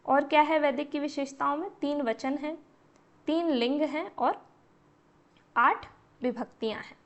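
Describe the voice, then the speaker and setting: A woman's voice: sits high, steady tone, measured pace. A woman teacher giving an exam-prep lecture, explaining step by step and answering her own questions.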